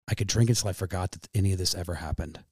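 A man in his thirties with a Midwestern American accent, a podcast guest telling an emotional story in a halting way, repeating himself and calling the host man. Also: low voice, warm tone, breathy edge, dry recording, studio quality.

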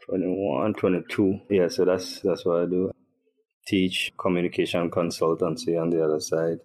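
A man, a podcast guest telling stories in a relaxed way, laughing easily. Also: low-pitched, normal speed. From Trinidad and Tobago. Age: 30s. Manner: relaxed storyteller, laughs easily, restarts often. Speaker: podcast guest, university lecturer. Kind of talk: casual interview chat.

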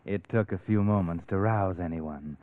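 An actor playing a sinister, mocking, all-knowing narrator in the style of 1940s radio mystery, ominous and insinuating. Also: male voice, low voice, moderate pace, heavy background noise, close to an everyday voice. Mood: storytelling. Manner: ominous, insinuating, addresses the character directly. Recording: tinny vintage radio recording, music behind.

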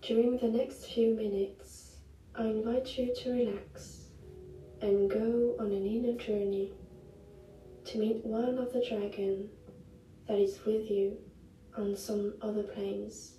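A woman leads a guided meditation like a sleep story narrator, soothing and gentle. Her delivery is slow and hushed, with long pauses. The sound is roomy and echoing, with music behind her. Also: medium pitch, level tone. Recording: roomy echo, distant mic, music behind.

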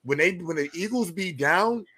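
A man hosting a casual sports debate, loud and opinionated, ribbing the others with insistent, slangy talk. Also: sits high, expressive, moderate pace, breathy edge. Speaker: sports talk show host.

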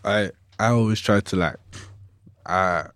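A man with a low voice, recorded dry. He speaks casually and hesitantly, circling back over his phrases as he goes. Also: a little slow, a bit bright, dry recording. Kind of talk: casual conversation.

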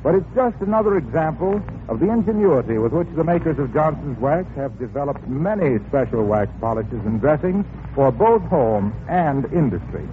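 A man's voice: a little high, expressive, moderate pace, hardly any pauses. A man reading scripted announcements in a polished, emphatic 1940s radio style. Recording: tinny, hissy old radio broadcast.

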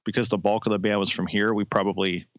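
A man's voice: lowish voice, flat delivery, fast, dry recording, dull audio. A forty-year-old man, a musician being interviewed, friendly and rambling, full of likes and restarts. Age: 40s. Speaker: musician guest. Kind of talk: casual interview. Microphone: phone line.

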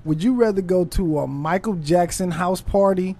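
A podcast host leads a casual chat, asking questions with playful curiosity and laughing easily. The pitch sits in the middle range. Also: normal speed, dark tone.

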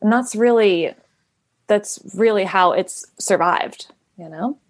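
A woman's voice: mid-range voice, takes it slowly, no room sound. A woman guest talking about founding a nonprofit, rambling with many fillers and restarts. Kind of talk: casual interview answers.

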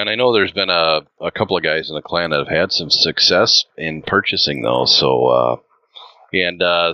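A man hosting a casual gaming podcast, relaxed, passing the turn to each co-host. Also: sits low, no room sound, highs cut off. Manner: relaxed, hands the mic around.

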